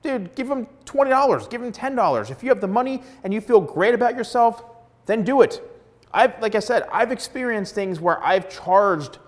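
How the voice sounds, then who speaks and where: Indoors against a plain studio backdrop, a middle-aged male hairstylist records a direct-to-camera advice vlog on a lapel mic. His high-pitched voice is expressive and moves at a moderate pace. He's blunt and emphatic, repeating words for stress.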